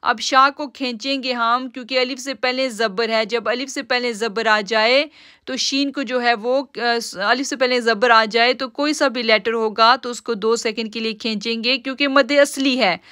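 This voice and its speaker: Woman tajweed teacher on a live stream, high crisp voice, patient explainer, dry close sound. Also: fairly even intonation, bright, forceful tone, no echo. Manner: patient, step-by-step explaining, drawn-out slow recitation of words. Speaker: Quran recitation teacher.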